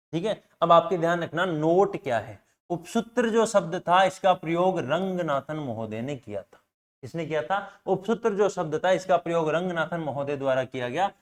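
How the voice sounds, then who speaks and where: A man teaching a library science class, asking questions aloud and answering them himself, repeating key points for students to remember. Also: a little high. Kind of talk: classroom lecture.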